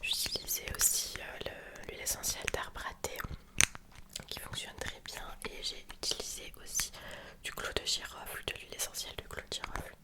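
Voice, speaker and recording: Whispering woman, ASMR ad read. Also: moderate pace. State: has a cold and sore throat. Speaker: ASMR video creator presenting a sponsored box.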